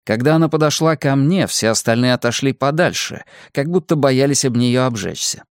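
A man narrating an audiobook in the first person, wry and lively. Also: mid-range voice, normal speed, clear, resonant tone, no echo, clean studio sound.

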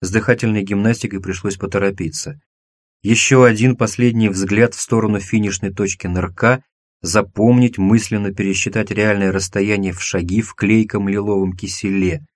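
A man narrating a science-fiction audiobook in a measured, expressive reading. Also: lowish voice, no room sound. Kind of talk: scripted narration.

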